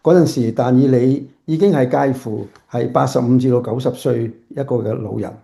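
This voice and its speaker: A man pastor giving a sermon from home, halting and restarting often. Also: medium pitch, creaky, warm tone.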